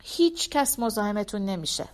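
A woman's voice: medium pitch, sing-song, close to an everyday voice. A woman voicing a wounded young man who speaks weakly and resignedly of dying, in an audiobook. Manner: weak, resigned.

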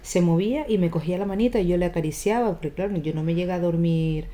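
A woman's voice: lowish voice, fast. A woman co-hosting a casual podcast, telling stories and acting out voices. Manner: animated storytelling, acts out voices. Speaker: podcast co-host. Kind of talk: casual chat.

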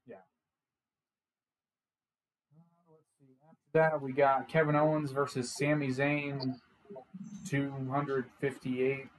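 A man co-hosting a podcast, chatting casually about wrestling in a joking, animated way. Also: medium pitch, takes it slowly, pauses often, slight background noise, rough recording. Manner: joking, animated, laughs often. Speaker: podcast co-host.

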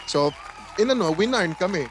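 A young Filipino man chatting in an interview as the guest singer, telling animated stories and jumping his voice up when quoting his parents. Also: high-pitched, moderate pace, music in the background, crowd noise. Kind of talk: casual interview chat.

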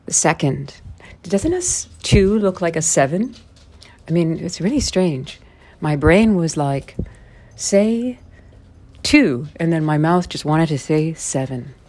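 A woman in her forties hosting a listening series, musing in an unhurried way with small self-corrections. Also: deep voice, darkish tone. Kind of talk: unscripted spoken introduction. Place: indoors in Toronto.

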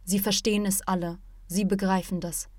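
A woman reading an audiobook, voicing a calm, wise male martial arts teacher who lectures patiently and at length. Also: mid-range voice, normal speed, no room sound, clean studio sound, lightly acted. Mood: lecturing.

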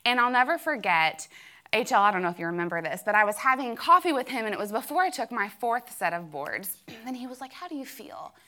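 Woman in her thirties, church testimony, bright voice, animated pitch, candid and dramatic. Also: fast. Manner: candid and self-dramatizing, many "like" fillers. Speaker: speaker sharing a testimony. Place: room with an audience.

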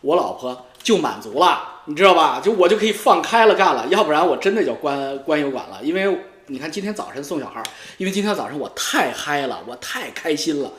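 A middle-aged man, rambling through a crude, teasing comic monologue with a very lively, swooping pitch. His voice rings in an echoey room. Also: fairly quick, hardly any pauses. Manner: crude, teasing, swears freely; excitable with sudden loud high outbursts. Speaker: YouTube streamer.

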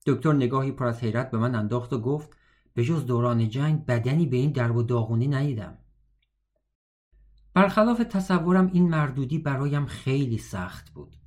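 Man, audiobook reader, mid-pitched voice, reflective steady reading, wry asides. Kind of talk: novel read aloud with casual asides.

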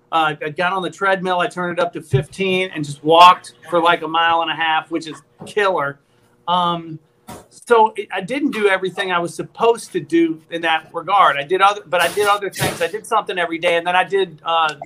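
A man in his fifties hosts a casual podcast. His voice sits high and rings bright and sharp. He rambles and jokes at his own expense, with a faint hiss behind him. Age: 50s. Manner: joking, rambling, self-deprecating. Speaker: podcast host.

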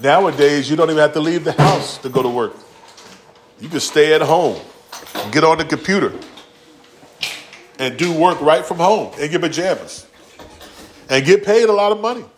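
Speaking in a little high voice at a moderate pace with long pauses, a man preaches a conversational sermon to his church congregation, talking straight to them in slangy, casual terms and acting out quotes. A little hiss or hum sits under the recording.

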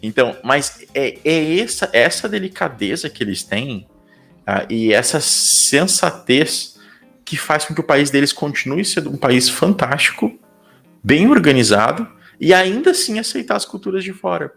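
A man's voice: on the high side, very animated, normal speed, vocal fry, a bit bright, soft background music. A young Brazilian man with a Brazilian Portuguese accent, talking casually as an interview guest and leaning on fillers like "cara" and "tipo".

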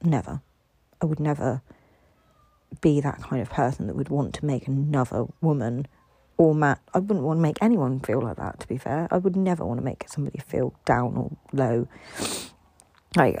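A woman's voice: rumbling low, creaky, warm tone, slightly rough, dry recording. A tired woman in a candid solo podcast monologue, rambling and swearing a lot, frustrated and raw.

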